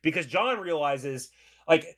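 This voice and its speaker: Animated, higher-voiced man chatting about films. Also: unhurried. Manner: enthusiastic, animated, restarts often. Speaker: podcast co-host discussing a film. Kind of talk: casual film review chat.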